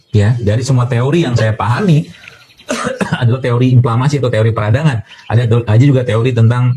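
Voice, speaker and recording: A man's voice: mid-range voice, dark tone, husky. A man from Indonesia giving a health talk to an audience as a doctor, explaining with everyday analogies and a lot of fillers.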